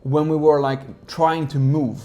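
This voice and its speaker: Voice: medium pitch, flat delivery, measured pace, mellow. A speaker who grew up in Sweden, chatting casually and rambling with lots of "like" fillers. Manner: rambling, heavy use of "like" fillers. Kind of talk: casual chat.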